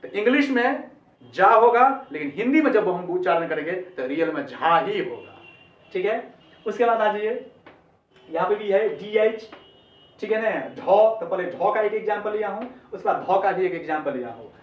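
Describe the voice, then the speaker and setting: High-voiced hindi teacher guy going over pronunciation, kinda far from the mic, echoey and muffled. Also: expressive, moderate pace. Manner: explains patiently, repeats words and checks understanding. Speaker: English teacher. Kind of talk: spoken pronunciation lesson. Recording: roomy, distant and muffled.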